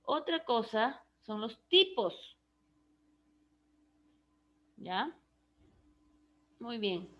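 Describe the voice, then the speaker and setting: A woman's voice: fairly high pitch, expressive, very slow, pauses often, fairly bright tone, dull audio. A woman teaching a speech therapy class, explaining terms and checking that students follow. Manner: explanatory, checks understanding with frequent "¿ya?". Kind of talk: online class lecture.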